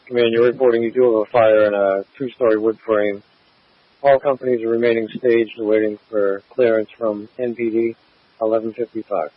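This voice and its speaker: Over a tinny radio channel that sounds like a phone line, a male fire alarm dispatcher issues clipped read-backs and assignments by procedure. His voice is lowish and level, at a moderate pace.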